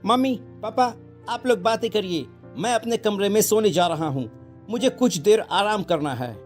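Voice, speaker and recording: A voice actor plays a twenty-year-old son who cannot explain what is happening to him. He talks earnestly and defensively at a middle pitch. Lively cartoon music sits behind the voice. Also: moderate pace, lightly acted. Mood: earnest, confused. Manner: earnest, protesting. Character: young man of twenty, puzzled and jumpy. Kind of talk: Hindi cartoon voice acting.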